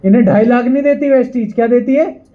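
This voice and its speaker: Young man, high voice, motivational speaker, rousing call-and-response, seminar crowd, tinny phone-like audio. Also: quick pace. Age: young adult. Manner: rousing, repeats lines for the crowd to echo. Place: event hall with a live audience.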